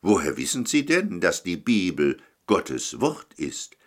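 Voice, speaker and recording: A skeptical male customer who questions a believer, as a man reading a sermon puts him on. He probes with doubtful questions in a deep voice. His pitch swings widely. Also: very animated, takes it slowly, heavily acted. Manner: doubtful, probing.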